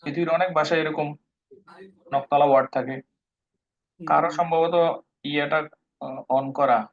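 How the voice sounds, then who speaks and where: A man's voice: a little high, steady tone, normal speed. A man teaching a live online language class, patiently explaining pronunciation step by step and mixing in English words. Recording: dull lo-fi online call audio.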